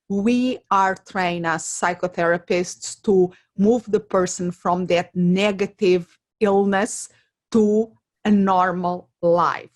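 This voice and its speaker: Speaking with a fairly low pitch and a Portuguese accent, this middle-aged career coach is a guest in an interview. Her explanations are conversational and built around examples and stories from her own life.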